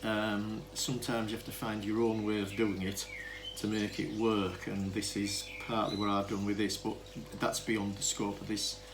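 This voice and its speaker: In a clearly noisy amateur camera recording, a hobbyist shows off vintage telephone gear, explaining hesitantly and ramblingly without a script and frequently breaking off mid-thought. His fairly low voice is flat, at a moderate pace with hardly any pauses.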